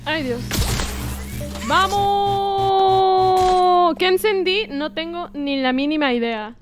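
A woman streamer narrates her gameplay in a very high, lively voice, shrieking at scares and translating the characters' lines. Game music plays behind her. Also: moderate pace. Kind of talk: gameplay commentary.

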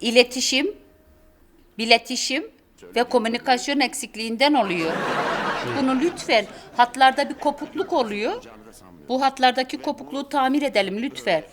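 An actress playing a chatty, dramatic sitcom wife. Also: female voice, high-pitched, moderate pace, background noise, close to an everyday voice. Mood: lecturing. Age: middle-aged. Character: chatty, dramatic wife Abiye, middle-aged. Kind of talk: sitcom acting. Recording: audience laughter behind. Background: studio audience laughing.

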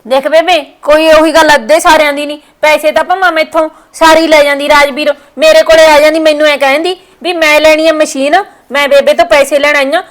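A woman playing a sharp-tongued daughter-in-law who argues and scolds her mother-in-law in a family short film. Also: high voice, level tone, fairly quick, hardly any pauses, lightly acted. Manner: scolding, argumentative.

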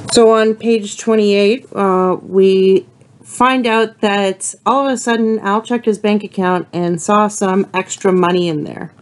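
A woman reading passages from a novel aloud and summarizing the chapters as a teacher, unhurried, with frequent ums between passages. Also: mid-range voice.

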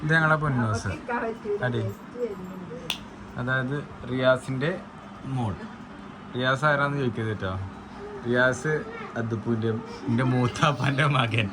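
A man's voice: mid-range voice, a little slow, pauses often. A man, vlogging casually about a family visit and speaking to his viewers. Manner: chatty, addresses viewers as guys. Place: family home visit with relatives around. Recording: noisy with a crowd of relatives behind.

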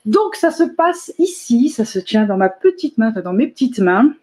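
A woman's voice: a little high, big pitch swings, moderate pace, a little mellow. A woman from France hosting a live product demonstration, chatting casually, laughing often and correcting herself as she goes. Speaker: host of a live product demo. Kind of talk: casual live stream chat.

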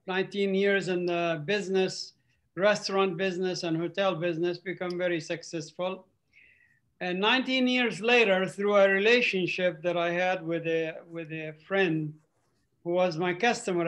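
An older man speaks over a video call, telling his testimony in an earnest, halting way. His voice sits fairly high and he often pauses on "uh" while he searches for his words. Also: a bit bright. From Palestinian, raised in Saudi Arabia and Qatar. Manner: earnest, halting with frequent uhs. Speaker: ministry speaker.

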